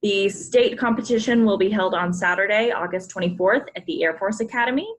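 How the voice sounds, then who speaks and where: Leading a coach conference call for a sports program staff, a woman walks through forms on screen in an instructional briefing, friendly and full of ums, with polite reminders. Her pitch is medium, her pace a little fast, and the recording low quality.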